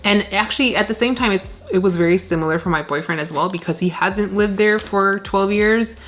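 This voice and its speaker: A woman's voice: medium pitch, fairly quick, fairly bright tone, slight background noise. A woman, chatting casually while repotting plants at home, rambling with lots of fillers. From Canada. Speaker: plant vlogger. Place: indoor plant room, shelves of plants. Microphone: camera on desk, medium framing.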